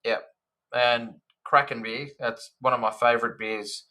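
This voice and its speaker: A man's voice: mid-range voice, fairly even intonation, unhurried, pushed and bright. An Australian man co-hosting a casual beer podcast, chatty and blunt in his talk. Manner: chatty, blunt, says "mate". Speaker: podcast co-host.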